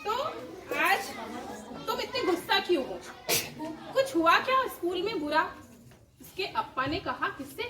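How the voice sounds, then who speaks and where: A woman storyteller telling a puppet story to children, often pausing to ask them questions. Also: very high voice, big pitch swings, a crowd in the background. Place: large indoor hall. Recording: echoey hall from far off, children around.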